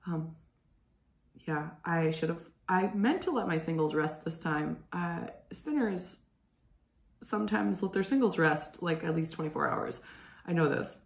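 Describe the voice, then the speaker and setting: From her home, a hoarse young woman hosts a knitting show, rambling through chatty stories in casual talk and clearing her throat. Her voice is low with a gravelly edge, her pace measured, and the room sounds echoey.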